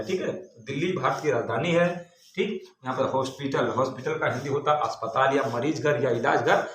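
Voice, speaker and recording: A man's voice: a little high, a bit bright. Man spelling out words in an echoey classroom. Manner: spells words letter by letter, then repeats the meaning with "ठीक है". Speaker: English teacher. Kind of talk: classroom vocabulary lesson. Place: large classroom. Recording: echoey room, faint background noise.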